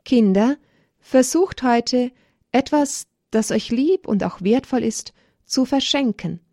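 A woman voicing a village priest urging children to give, slow and earnest. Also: fairly high pitch, dark tone, no room sound, clean studio sound, voice pushed up.

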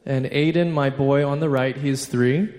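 A man's voice: medium pitch, steady tone, moderate pace, a little mellow. Earnest man speaking in a hall. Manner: earnest, with light self-mocking humor. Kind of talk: live faith talk with interpreter. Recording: long hall reverb.

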